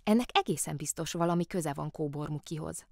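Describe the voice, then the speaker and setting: A woman's voice: sits low, vocal fry, darkish tone, dry recording, studio quality. A woman voicing an earnest little girl who tries to sound stern, asking urgent, demanding questions. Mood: stern worried.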